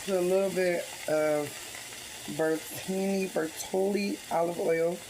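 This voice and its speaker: A woman's voice: lowish voice, fairly even intonation, slow. A woman chatting casually and informally as she cooks at home, with heavy breathing between and under her words. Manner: breathing heavily; informal, off-the-cuff. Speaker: home cook vlogger. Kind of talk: casual cooking chat. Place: home kitchen. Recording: noisy kitchen, sizzling frying pan. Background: food frying and sizzling.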